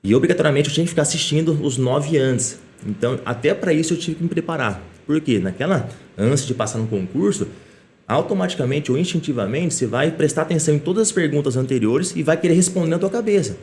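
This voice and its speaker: A middle-aged man, a police chief guesting on a podcast, telling a lively story in casual chat and often tagging his sentences with little questions. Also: fairly high pitch, fast talker, slight background noise. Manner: lively anecdotal telling, frequent tag questions.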